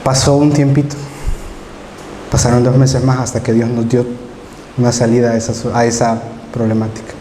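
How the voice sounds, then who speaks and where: A man with a Salvadoran accent delivers a heartfelt sermon, his mellow, warm voice carrying through a church hall. He tells stories with feeling and slips into acted pleas from his own past. The sound is roomy with a long reverb tail and a faint hiss behind it. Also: mid-range voice, level tone, normal speed, long pauses. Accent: Salvadoran Spanish. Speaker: preacher.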